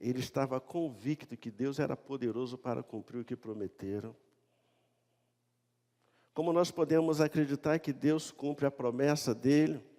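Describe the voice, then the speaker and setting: A man with a Brazilian Portuguese accent preaching a sermon as a pastor. He reads scripture loudly, then tells the story in a casual, joking tone. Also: medium pitch, fairly even intonation, moderate pace. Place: church sanctuary. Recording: long church reverb.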